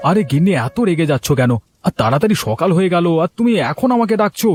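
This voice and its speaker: A man's voice: high-pitched, big pitch swings, quick pace, darkish tone. A man voicing a lazy, easygoing village shopkeeper husband in a cartoon, whiny and coaxing. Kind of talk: cartoon voice acting. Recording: cartoon soundtrack with music.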